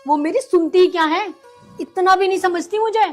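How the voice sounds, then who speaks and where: An actress playing a patient, pleading young daughter-in-law in a village film drama. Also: female voice, extremely high pitch, normal speed, darkish tone, soft background music. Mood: hurt. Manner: pleading, long-suffering.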